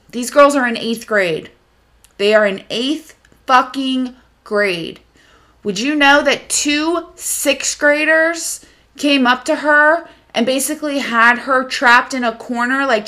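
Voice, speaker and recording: A woman tells a story on her podcast, animated and indignant and cursing freely. Her voice sits a little high and rings bright and forceful. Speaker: podcast host. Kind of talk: casual storytelling monologue.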